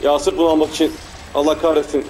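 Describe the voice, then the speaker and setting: A man casually commenting on his own gameplay, muttering to himself and getting frantic and loud when chased. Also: fairly high pitch, level tone, fast, slight background noise. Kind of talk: casual let's play commentary.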